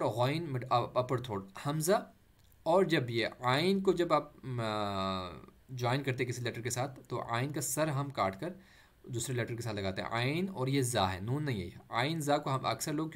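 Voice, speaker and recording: A man teaching Quran reading, patiently saying letters one at a time and slowly drawing out recited words, with English words mixed in. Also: mid-range voice, lively intonation. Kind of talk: letter-by-letter tajweed lesson.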